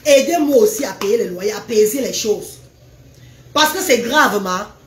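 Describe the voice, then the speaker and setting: A woman chatting on a casual live stream, animated, calling her viewers "maman". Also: medium pitch, measured pace. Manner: animated, calls viewers "maman", sings out names. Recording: echoey room with faint background noise.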